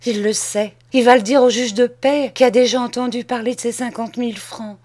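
A woman reading aloud and voicing a greedy, harsh old woman who scolds a boy in sharp, shrill outbursts. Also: expressive, measured pace, natural voice. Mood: anxious scheming. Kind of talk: audiobook character reading.

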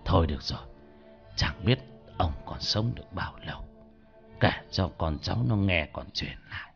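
A man plays a weary old village elder in a spoken ghost story. He speaks low, soft and slow, sighing over old grief. His voice sits deeper and quieter than the narration around it. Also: creaky, dull audio, faint music behind. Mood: sorrowful. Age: older.

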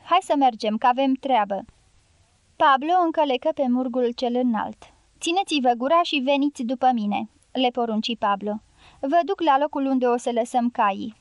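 A woman reading a novel aloud as an audiobook narrator, in measured scripted narration that lightly voices the dialogue. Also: sits high, no echo, lo-fi sound.

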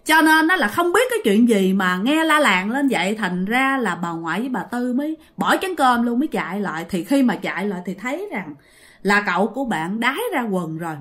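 A woman's voice: mid-range voice, a bit bright. Woman with Southern Vietnamese accent telling a ghost story. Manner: conversational, addresses listeners directly.

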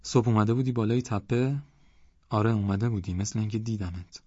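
A man's voice: fairly low pitch, warm tone, dry recording, muffled recording, natural voice. A man voicing an emotional, blunt old village man who weeps openly. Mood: plain.

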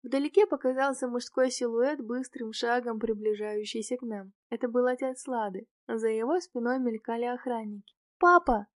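A woman reading a novel aloud in the first person, with clear, expressive storytelling. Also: a little high, moderate pace, hardly any pauses, dry recording, studio quality. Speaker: audiobook narrator.

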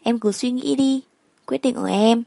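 A woman voicing a scheming middle-aged male employer who speaks in a smooth, coaxing way. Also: fairly high pitch, measured pace, warm tone, no room sound.

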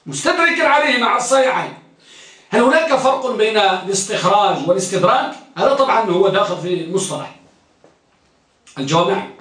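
Male lecturer, high voice, quizzes students and repeats points; far from the mic in a very echoey classroom. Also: animated, quick pace, a bit bright. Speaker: teacher of hadith studies. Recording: very echoey room, distant mic.

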